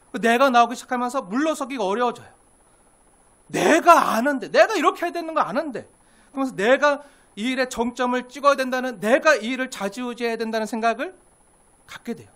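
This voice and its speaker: A male pastor preaching a sermon in an earnest way, rising to emphatic lines and dropping to hushed asides, acting out quoted complaints. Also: very high-pitched. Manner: acts out quoted complaints in a sharper, pushier voice.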